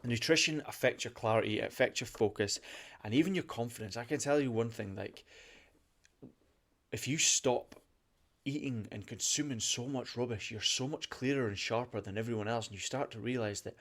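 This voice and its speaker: A young man talks through his solo motivational podcast. His voice sits at a middle pitch, and he gets worked up as he drives his points home. He repeats himself for emphasis, with plenty of loose fillers along the way. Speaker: podcast host.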